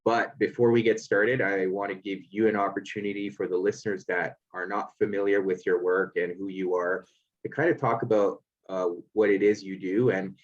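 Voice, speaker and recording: A deep-voiced man who hosts a podcast and does life coaching reads an earnest intro, then asks questions loaded with fillers. The audio sounds dull.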